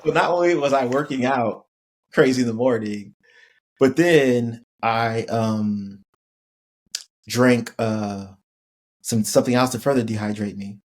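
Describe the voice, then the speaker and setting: A middle-aged former college football player, a guest on a podcast, tells a laid-back story with plenty of laughter. His mid-range voice is unhurried and pauses often, and he leans heavily on casual fillers like "like."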